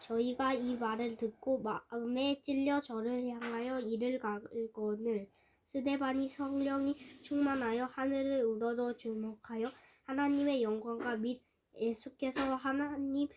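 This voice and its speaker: A woman reading scripture aloud in a steady recitation, now and then stumbling and restarting a word. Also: fairly high pitch, unhurried, slight background noise. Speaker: scripture reader.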